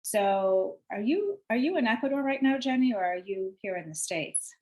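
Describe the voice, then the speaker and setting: A woman hosts a webinar over a video call at a middle pitch. She reads announcements and introductions with many uhs between phrases. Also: lively intonation, normal speed, a little mellow, rough recording. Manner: reads announcements with frequent uh fillers. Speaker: webinar host. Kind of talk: hosting a webinar interview.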